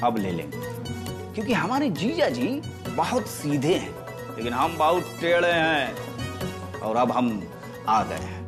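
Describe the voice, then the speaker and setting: A man's voice: a little high, very animated, slow pace, long pauses. A man acting in a sitcom, cocky and quarrelsome with a rustic swagger. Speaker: sitcom character, brother-in-law. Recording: TV sitcom with loud music bed.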